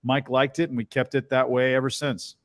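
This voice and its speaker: A middle-aged voice actor with a bass-baritone voice is a guest in a casual interview chat. He tells stories with animation, tossing in quick, lively bits of character voices.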